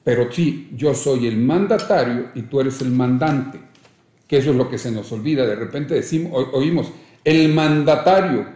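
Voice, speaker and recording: A man's voice: medium pitch, normal speed, dark tone, roomy sound. A middle-aged man with a Mexican accent, a judge speaking as an interview guest, emphatic and lecturing with rhetorical questions. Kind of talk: conversational interview.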